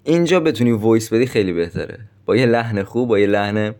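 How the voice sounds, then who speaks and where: A man with a fairly low voice runs through numbered dating tips like a coach. He talks directly and casually to his listeners, as if to friends. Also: expressive, a little mellow. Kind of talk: instructional monologue with numbered tips.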